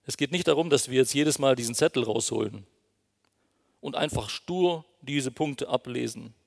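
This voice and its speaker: A man's voice: mid-range voice, moderate pace, vocal fry. Guy preaching to his church, earnest, pushy, lots of reverb. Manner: earnest, emphatic, addresses congregation directly. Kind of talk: sermon. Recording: long reverb of a hall.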